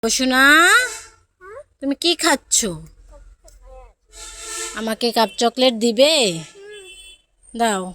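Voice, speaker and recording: A woman's voice: on the high side, slow pace, pauses often, fairly bright tone, a little hiss or hum. A woman talking to her baby in playful, coaxing, sing-song baby talk.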